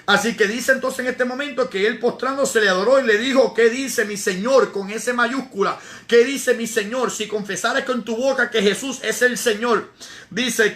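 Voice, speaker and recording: A man preaching and teaching scripture in a live stream, his voice pitched high and bright. He is emphatic, repeats words for stress and reads verses aloud between his explanations. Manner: greets viewers by name in between. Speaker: evangelist preacher.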